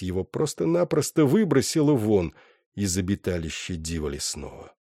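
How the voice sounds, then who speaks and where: A man narrating a fairy-tale novel in an expressive storytelling manner. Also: on the low side, no echo, clean studio sound. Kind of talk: audiobook narration.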